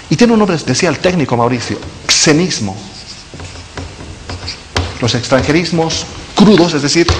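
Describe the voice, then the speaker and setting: A man's voice: medium pitch, a bit bright. A man, a linguist guest on a TV studio interview, explaining words in a didactic and playful way. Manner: didactic, playful with wordplay, chuckles often. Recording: long hall reverb, faint noise.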